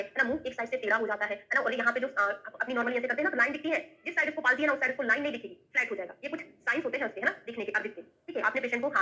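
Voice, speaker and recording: A woman's voice: a little high, bright, forceful tone, poor audio. A woman teaching a classroom lecture on Ayurveda, reciting Sanskrit verses and quizzing students with frequent tag questions.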